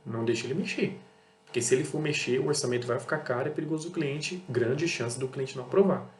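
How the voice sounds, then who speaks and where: A man's voice: medium pitch, fast, a little mellow. Blunt Brazilian man in an echoey room. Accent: Brazilian Portuguese. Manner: blunt, repetitive, acts out dialogues with customers. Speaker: auto parts seller and channel host. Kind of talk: casual monologue to camera. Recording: echoey room with faint hum.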